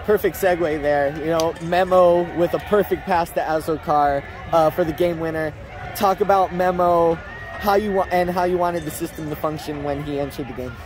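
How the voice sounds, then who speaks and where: A man's voice: fairly high pitch, normal speed, music in the background. A man with a slightly raised voice sets up a question at an outdoor press conference. Crowd noise carries behind him. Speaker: reporter.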